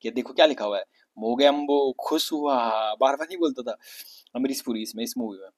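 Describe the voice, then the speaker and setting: Young man from Uttarakhand, vocabulary lesson teacher, mid-pitched, repetitive question-and-answer explaining. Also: quick pace, breathy edge. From Uttarakhand, India. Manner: explanatory, repeats words and asks rhetorical questions.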